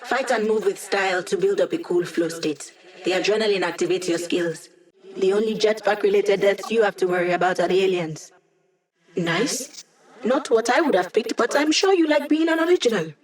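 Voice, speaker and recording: A woman's voice: medium pitch, normal speed, lightly acted, rough recording. An actress playing an upbeat, wry female hacker who gives a squad mission support in a video game, with playful, teasing, casual delivery. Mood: encouraging.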